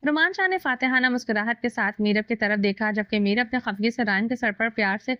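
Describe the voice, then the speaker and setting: A woman reading a romantic novel aloud as narrator, with a steady, even storytelling delivery. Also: fairly high pitch, no room sound. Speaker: audiobook narrator. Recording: dull lo-fi dry recording.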